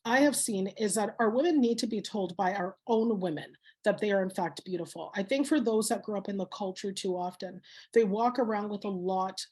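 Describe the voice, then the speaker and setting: Woman, husky voice, passionate, motivational, storytelling interview guest. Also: medium pitch, a little fast, darkish tone. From Canada. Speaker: guest speaker. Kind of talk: interview conversation.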